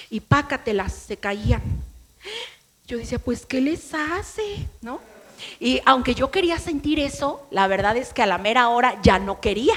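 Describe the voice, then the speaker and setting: A middle-aged woman pastor with a Mexican accent preaches a sermon that includes personal testimony, telling it in a chatty, story-like way and acting out things she once said. Her voice sits high and is fairly bright.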